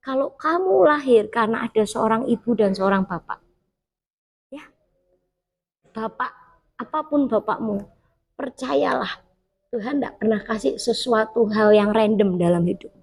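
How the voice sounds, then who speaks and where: A middle-aged woman preaches in a high voice, telling her own stories. She leaps upward in pitch to act out her past prayers. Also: a little slow, vocal fry, long pauses, darkish tone, husky. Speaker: pastor. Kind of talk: sermon with personal stories.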